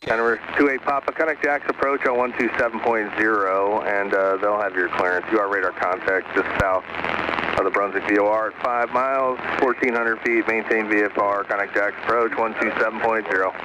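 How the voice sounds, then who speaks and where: A man's voice: lowish voice, steady tone, fairly quick. A man working as an air traffic controller, giving procedural instructions over aviation radio. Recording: noisy aviation radio channel.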